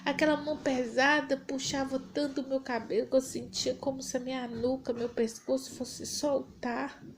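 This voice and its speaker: A woman's voice: sits high, little pitch movement, normal speed, a little hiss or hum. A woman giving a fervent, repetitive religious testimony, breaking into prayer as she tells it. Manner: fervent, repetitive, prays aloud mid-story. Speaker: church member giving testimony.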